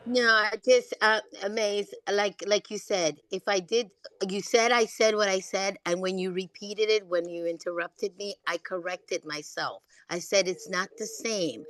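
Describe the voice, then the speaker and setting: A woman speaking earnestly in an online audio room, often stopping and restarting her sentences. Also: medium pitch. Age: older than previous speaker. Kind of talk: casual discussion.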